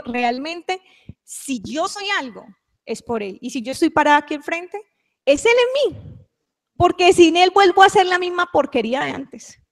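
A woman giving an emotional, confessional testimony in a church service. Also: high-pitched. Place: church hall. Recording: long hall reverb.

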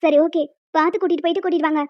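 A woman voicing a stern, bossy middle-aged female hostel warden in a cartoon, speaking in a lower, scolding voice. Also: fairly even intonation, rapid-fire, no echo, dull audio. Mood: concerned. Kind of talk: cartoon voice acting.

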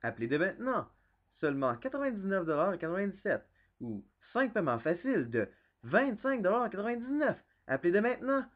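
A man's voice: sits high, sing-song, a little fast. A man playing an insistent infomercial announcer pushing a phone offer. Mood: urgent selling. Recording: tinny phone-like band-limited sound.

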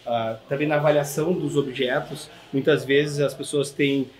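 Halting shop-owner man. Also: medium pitch, fairly even intonation, reverberant. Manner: hesitant, many "ah" fillers and restarts. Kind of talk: casual interview answers. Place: inside his small shop.

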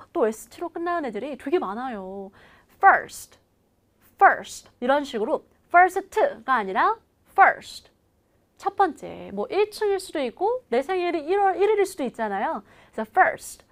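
High lively woman teaching English. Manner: lively, slows right down to model English phrases; coaching viewers to repeat after her. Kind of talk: online language lesson.

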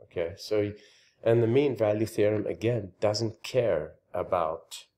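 A deep-voiced man talks through a calculus explanation as the host of his own channel. His delivery is halting, with many pauses and restarts, and he sounds a little out of breath. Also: dark tone. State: slightly out of breath. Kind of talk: explanatory math lecture.

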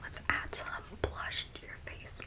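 A woman in her twenties hosting ASMR personal attention as whispered role-play, whispering close to the microphone with soft, tingly mouth sounds. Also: a little slow. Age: 20s. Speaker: ASMR host. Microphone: close microphone, intimate framing.

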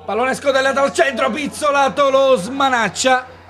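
A man giving breathless, shouted, dramatic football goal commentary, play by play. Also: extremely high pitch, steady tone, normal speed.

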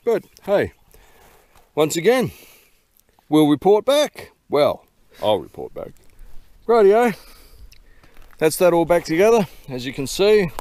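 A man's voice: a little high, big pitch swings, normal speed, darkish tone, dry recording. A man in his sixties with a broad New Zealand accent, rambling casually to camera outdoors, laid-back and drily humorous, swearing freely. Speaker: solo bicycle touring vlogger. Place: outdoors in open bushland. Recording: outdoor noise with insects.

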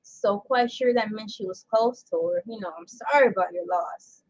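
A woman's voice: medium pitch, moderate pace, dull audio. A woman vlogging in a casual, rambling way, chatting and reading an article aloud indoors. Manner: rambling and chatty, laughs often. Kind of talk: casual chat. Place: indoors under bright lights.

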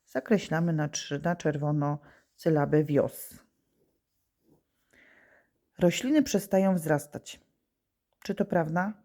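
A woman with a deep, warm voice teaches a remote lesson for children as a primary school teacher. She takes her time, raising questions and answering them herself.

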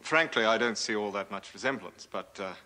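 A man's voice: lowish voice, a little fast, pushed and bright. An actor playing an earnest, shaken male prisoner just freed in a period film, speaking formally and gratefully.

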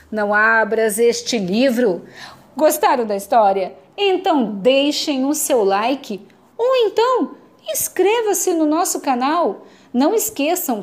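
Lively woman telling children's stories. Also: high-pitched. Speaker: storyteller and channel host. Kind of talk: children's story reading.

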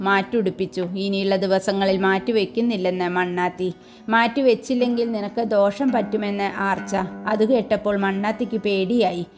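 A woman reading a novel chapter aloud in steady, measured storytelling. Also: mid-range voice. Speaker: narrator. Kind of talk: scripted narration of a novel chapter.

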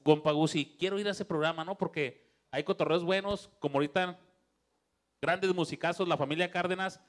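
A man with a Mexican accent hosting a comedy talk show, loud and hyped as he talks up the guests. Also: on the high side, steady tone, a little fast. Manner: loud and hype. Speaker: show host.

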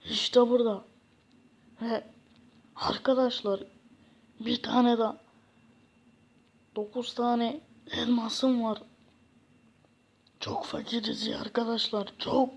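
A woman's voice: on the high side, level tone, takes it slowly, long pauses. A woman voicing a poor, self-pitying young man in a game parody, sighing and complaining. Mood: gloomy complaining. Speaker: content creator. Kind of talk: game parody role-play.

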